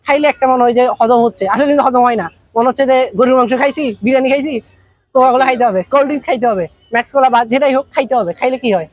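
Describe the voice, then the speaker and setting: A man's voice: extremely high pitch, racing, no echo. A man with a Bangladeshi Bengali accent giving a business workshop lecture. He talks conversationally and keeps firing rhetorical questions and everyday examples. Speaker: business trainer.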